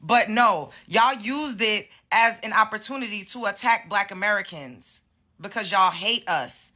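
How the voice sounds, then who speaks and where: Fiery bright-voiced New woman ranting. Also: mid-range voice, animated, a little slow. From Brooklyn, New York. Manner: heated, confrontational, swearing. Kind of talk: angry social media rant.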